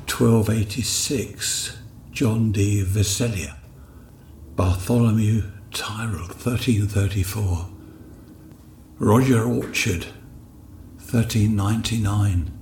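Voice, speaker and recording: A man with a deeply husky, rough-edged voice that sits on the low side. He narrates a casual walkabout vlog into a handheld mic, chatty and rambling, thinking aloud as he goes. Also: darkish tone. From West Sussex, England. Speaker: vlogger. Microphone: handheld microphone.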